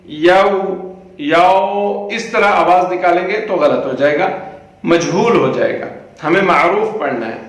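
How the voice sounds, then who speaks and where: High-voiced man teaching recitation, echoey. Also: a bit bright. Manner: explains letter sounds patiently, then recites words slowly and drawn out. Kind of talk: tajweed lesson with slow chanted recitation. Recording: very echoey room.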